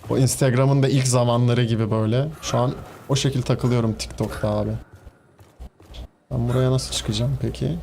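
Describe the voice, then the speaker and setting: A man's voice: medium pitch, steady tone, fairly quick, vocal fry, darkish tone, a little hiss or hum. A man with a Turkish accent giving casual, chatty commentary while streaming a game, talking back to enemies and to his viewers. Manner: chatty, talks to the game's enemies and to viewers, laughs easily.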